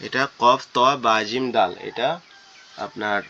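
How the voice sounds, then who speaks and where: A man's voice: on the low side, fairly even intonation, measured pace, sharp tone, dull audio, a little hiss or hum. A man teaching an online Quran recitation class, repeating each syllable several times for students. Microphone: online class, computer mic.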